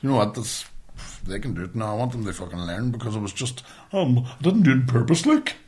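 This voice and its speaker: A middle-aged man with a Northern Irish accent, co-hosting a podcast, talks fast in an expressive, medium-pitched voice with a darkish tone. He's casual and blunt, swearing freely while ranting about ordinary life.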